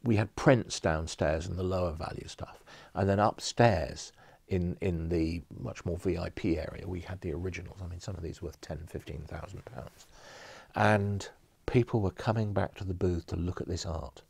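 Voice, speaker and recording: A man's voice: low voice, steady tone, moderate pace, creaky, darkish tone, slightly rough, no echo. A middle-aged man, an event producer, telling enthusiastic rambling anecdotes in an interview studio. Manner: enthusiastic storyteller, rambling with restarts. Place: studio with empty audience chairs.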